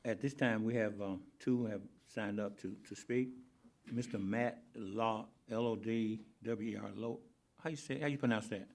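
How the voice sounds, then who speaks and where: A man's voice: on the low side, fairly even intonation, moderate pace. A man chairing a county planning board meeting, calling speakers up in a plain procedural way.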